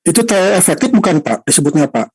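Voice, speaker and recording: Guy on a video call, audio cracking and distorted, hesitant and polite, kinda husky. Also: fairly high pitch, very animated, fast talker. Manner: hesitant, polite, repeats the question. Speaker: student asking a question. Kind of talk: online class question.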